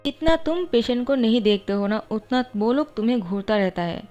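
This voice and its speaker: Lady doing a flirty teasing bully guy, soft music under it. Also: fairly high pitch, brisk, dull audio, lightly acted. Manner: teasing, playful.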